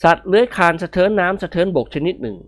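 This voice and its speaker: A woman narrating a comic novel in an expressive storybook reading. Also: lowish voice, fast talker.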